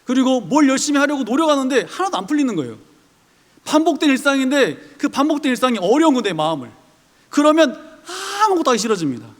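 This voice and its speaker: A man's voice: very high voice, sing-song, quick pace. A male pastor preaching a sermon, animatedly acting out figures and everyday people in dialogue. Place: church sanctuary. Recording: long reverb of a church hall.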